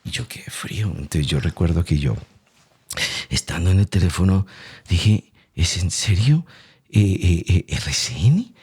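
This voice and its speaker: Young colombian guy, lowish husky voice, acts out the voices in his faith story. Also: unhurried. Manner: animated storyteller acting out quoted voices. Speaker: interview guest. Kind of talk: emotional faith testimony.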